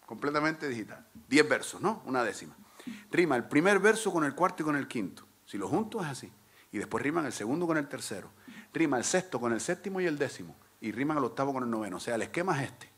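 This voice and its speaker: Middle-aged man teaching a workshop, bright, forceful, playful explainer. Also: mid-range voice, very animated, fast, breathy edge. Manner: chatty, joking, explains step by step. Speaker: workshop teacher of improvised verse. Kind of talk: lively talk to a live audience.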